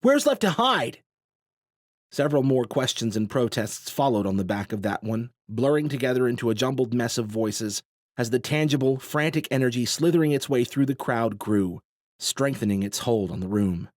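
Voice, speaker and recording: Steady audiobook narrator, male, middle pitch, no room echo. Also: studio quality. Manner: steady, measured storytelling. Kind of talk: scripted narration.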